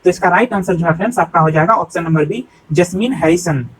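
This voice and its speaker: A young man, an exam coach, reading through practice questions and their answers in a steady, repetitive teaching patter, calling his viewers friends. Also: sits high, fast, slight background noise, poor audio. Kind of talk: exam practice-set walkthrough.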